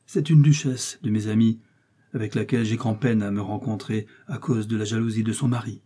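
A man's voice: fairly low pitch, steady tone, a little fast, dark tone, husky. A man voicing a vain, boastful musketeer who speaks in a pompous, self-important manner, in a storybook reading.

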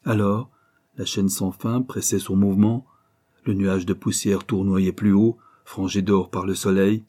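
A man narrating an audiobook story in a measured, expressive reading. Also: lowish voice, breathy edge.

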